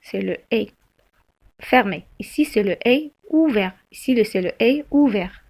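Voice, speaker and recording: A woman teacher, explaining spelling slowly, with frequent fillers and self-corrections. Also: mid-range voice, lively intonation, a little mellow. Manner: slow, halting, many fillers and self-corrections. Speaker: French teacher. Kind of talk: spelling lesson.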